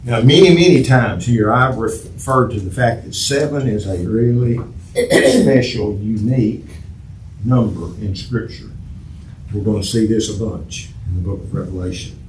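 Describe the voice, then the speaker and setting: A man's voice: on the low side, moderate pace, darkish tone. Man teaching a church Bible class, echoey. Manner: conversational, repeats words and restarts, asks the class questions. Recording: echoey room from far off, faint noise.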